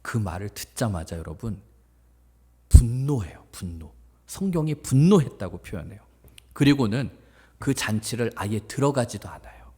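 A man's voice: lowish voice, moderate pace, slightly rough, in a large hall. A man preaching casually to teenagers as their youth pastor, telling the story vividly and putting questions to his listeners. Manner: casual, animated storytelling that acts out the characters; addresses listeners directly with questions. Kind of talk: sermon to teenagers. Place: small church worship room.

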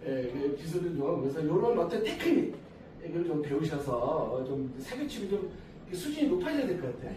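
A middle-aged man chats with his partner after a dance, boasting and laughing often. His pitch jumps around lively. He sounds far from the mic in a very echoey room with faint background noise. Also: moderate pace. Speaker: social dance instructor. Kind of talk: casual chat with a dance partner.

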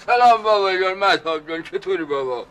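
Lovesick sitcom caretaker, high voice, bright tone, doting, flowery talk. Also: male voice, expressive, rough recording. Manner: doting, flowery talk of love, calls others "baba jan". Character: lovestruck, boastful male caretaker, grown man. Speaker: caretaker in love with a young woman. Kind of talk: sitcom acting.

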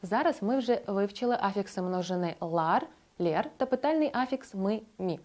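Woman, scripted lesson narrator with a medium-pitched voice, clear explanatory delivery. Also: animated, darkish tone. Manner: clear, explanatory, slows down to model example phrases. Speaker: language teacher.

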